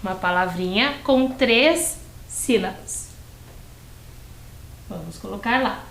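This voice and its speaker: Slow, patient Brazilian teacher woman. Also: mid-range voice, lively intonation, gravelly, a bit bright, reverberant, rough recording. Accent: Brazilian Portuguese. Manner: stretches words and syllables, patient and encouraging. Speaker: primary school teacher. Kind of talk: slow, clearly spelled-out lesson for young children.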